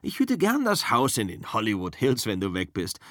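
A man reading an audiobook, voicing a calm, easygoing male driver and stunt double who talks matter-of-factly. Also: fairly low pitch, normal speed, no echo, studio quality. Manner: easygoing, soothing, matter-of-fact. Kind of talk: audiobook character voice.

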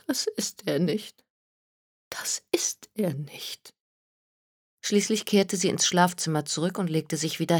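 Calm audiobook narrator, close dry studio sound. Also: medium pitch, no room sound. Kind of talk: scripted narration.

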